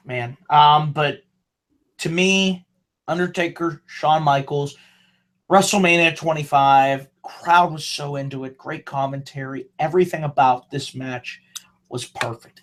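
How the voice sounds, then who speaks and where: A man's voice: medium pitch, steady tone, a little slow, fairly bright tone. A man co-hosting a casual podcast chat, talking enthusiastically. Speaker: co-host.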